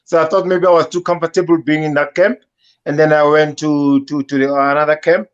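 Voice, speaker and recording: A man's voice: a little high, level tone, brisk, clean tone, muffled recording. A man, a professional boxer answering interview questions hesitantly, with many fillers. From South Africa. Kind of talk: casual interview.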